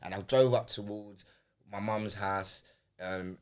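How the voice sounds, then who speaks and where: A man's voice: fairly low pitch, steady tone, slow pace, smooth. A man telling a story in casual, slangy chat. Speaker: podcast host.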